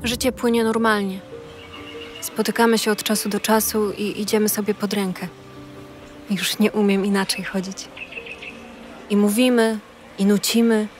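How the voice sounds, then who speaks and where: A woman reading diary entries and poems aloud in a slow, tender, dreamy way. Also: mid-range voice, little pitch movement. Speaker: diary reader. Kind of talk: slow, emotional literary reading. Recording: faint music behind the voice.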